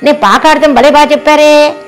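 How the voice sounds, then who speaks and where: A woman's voice: high voice, fairly even intonation, brisk, soft background music, pitched above the performer's own voice, natural voice. A woman voicing a delighted child god who marvels aloud at the praise sung about him. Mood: delighted wonder. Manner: wondering, exclaiming, repeating praise.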